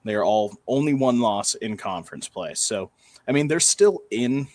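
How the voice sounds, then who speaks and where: A man's voice: fairly low pitch, animated, normal speed, darkish tone, no room sound. A man co-hosting a casual college football talk show, steadily laying out playoff scenarios point by point. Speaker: sports podcast co-host.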